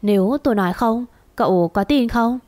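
A woman's voice: fairly high pitch, normal speed, a little mellow, close to an everyday voice. A woman reading a cool, commanding young wife. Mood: wistful. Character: proud, calm young wife of a wealthy household. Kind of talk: storybook reading.

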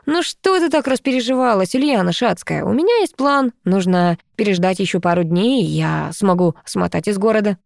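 An unflappable young man in an audiobook, relaxed and dryly amused, as a woman reads his lines. The recording is close and dry. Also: medium pitch, normal speed, gravelly, few pauses, dry recording. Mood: wry. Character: calm, wry young man with a skateboard.

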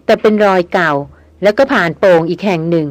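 A woman narrating an adventure novel in a steady storytelling read. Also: fairly low pitch, fast talker, no echo. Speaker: audiobook narrator. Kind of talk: scripted narration.

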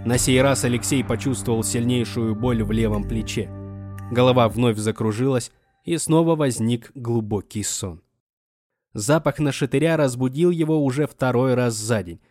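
A man reading a dark story aloud in steady scripted narration. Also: mid-range voice, moderate pace, dry recording, faint music behind. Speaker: audiobook narrator.

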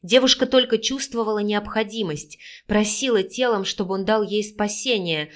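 Woman, audiobook narrator, romance novel, expressive, steady reading, mid pitch. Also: normal speed.

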